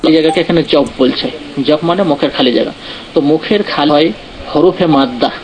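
Over muffled online call audio with crowd noise, a man teaches Quran recitation in a virtual class. His voice is fairly high and a little fast, and he explains patiently while checking in with his students often.

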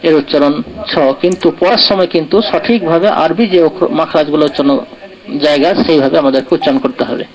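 A man with a slightly raised voice teaches a pronunciation lesson. He breaks letters into slow, careful syllables and keeps checking that the class is following, asking "right?" again and again. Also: a little high, a crowd in the background, poor audio. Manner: explains patiently, checks understanding with repeated "right?"; sounds out letters slowly, syllable by syllable. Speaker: Quran recitation teacher.

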